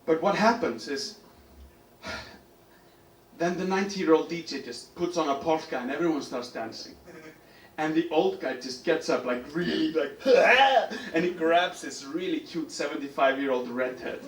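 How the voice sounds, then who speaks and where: A man with an Icelandic accent, a singer-songwriter telling an animated, self-mocking story on stage at a small cafe concert. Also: fairly high pitch, moderate pace. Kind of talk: stage storytelling between songs. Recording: roomy live venue, distant mic.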